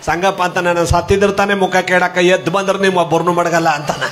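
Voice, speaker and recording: A male folk storyteller telling a comic tale in a lively, dramatic way, often turning to address his listeners. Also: high-pitched, brisk, a little hiss or hum.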